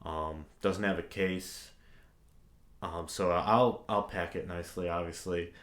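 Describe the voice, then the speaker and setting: A young man giving a casual, relaxed review of a trumpet, with lots of fillers like "like" and "um". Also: low voice, a little slow, reverberant.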